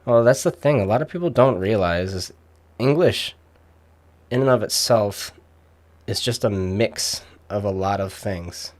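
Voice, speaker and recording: A young man chatting casually, rambling with many fillers and pauses. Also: lowish voice. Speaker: streamer. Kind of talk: casual chat.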